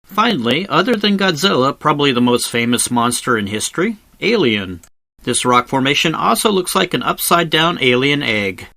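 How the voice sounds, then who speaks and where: A man with a bright, crisp-edged voice narrates a travel video in lively, swooping intonation. He explains things conversationally, like an informal guide, and drops in wry asides. The voice-over sounds close and very dry. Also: a little high, normal speed, dry recording. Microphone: close voice-over microphone, recorded separately from the cave.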